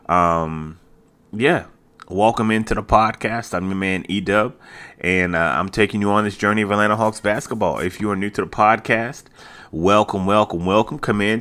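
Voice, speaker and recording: A man's voice: fairly low pitch, a bit bright. A man hosting a sports podcast in a casual, colloquial chat, often repeating phrases for emphasis. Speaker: podcast host.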